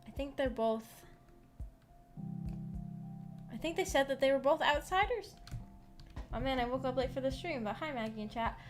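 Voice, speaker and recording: This woman's voice sits high, at normal speed with long pauses. Hosting a casual visual novel book club livestream over background music, she reads out comments and gives hesitant, rambling answers that tend to trail off.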